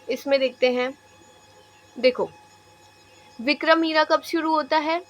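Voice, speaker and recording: A woman with a high voice gives a classroom lecture at an unhurried pace. She repeats each point over and over, tags on quick check-ins, and mixes English terms into Hindi as she drills facts for exam prep. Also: a bit bright. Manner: repetitive, checks in with "है ना"; drills points by slow repetition.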